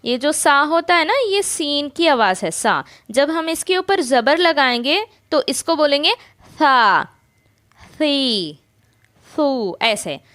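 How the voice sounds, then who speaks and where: Woman Quran teacher, high clear voice, slow and patient, stretches out letter sounds. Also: a bit bright. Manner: slow, drawn-out letter recitation; explains step by step, often checks in. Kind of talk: patient spoken lesson.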